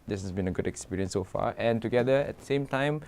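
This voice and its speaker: A man's voice: lowish voice, fast talker, creaky, a little mellow, a little hiss or hum. A man talking casually and informally to viewers as a vlogger. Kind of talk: casual vlog chat.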